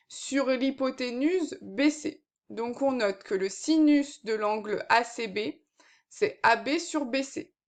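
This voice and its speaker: A woman maths teacher giving a recorded lesson, explaining patiently step by step with frequent fillers. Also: high-pitched.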